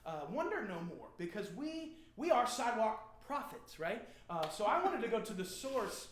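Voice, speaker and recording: A very animated man from Indiana, his voice sitting high at a moderate pace, hosts a band's live stream and swaps slangy jokes and rambling stories with viewers. The sound is roomy and echoing, with a little hiss or hum.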